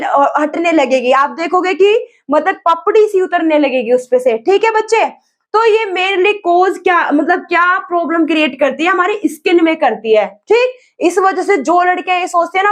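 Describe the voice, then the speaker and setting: High-voiced Indian woman teaching a class. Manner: asks the class questions and answers them herself; mixes English terms into Hindi speech. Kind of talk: exam-prep lesson.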